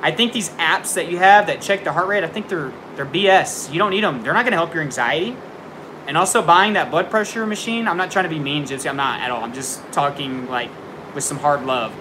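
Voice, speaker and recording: A slightly high male voice, fairly quick, comes through with background noise. The speaker is a young man doing a casual livestream at home near a window during a storm, answering viewer questions with frank, filler-heavy tough love. He's jumpy, flinching at the thunder.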